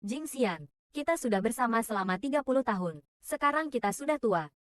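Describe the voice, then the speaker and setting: Suami tua yang memohon, disuarakan seorang perempuan, pelan dan membela diri, suara kering. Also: female voice, on the high side, animated, brisk, dry recording, clean studio sound, natural voice. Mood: pleading. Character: older husband, pleading and defensive.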